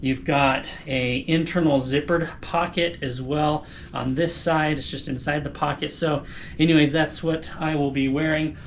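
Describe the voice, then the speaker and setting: A man with a slightly high voice speaks in a casual vlog style. He explains things informally as he goes, thinking aloud like someone talking straight to his viewers. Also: fairly even intonation, measured pace, slight background noise. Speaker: running vlogger. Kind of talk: casual vlog talk to camera.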